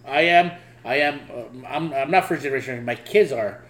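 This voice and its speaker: A man's voice: medium pitch, normal speed, a bit bright. A man from Mexico hosting a casual chat podcast, joking, swearing and laughing often. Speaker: podcast host.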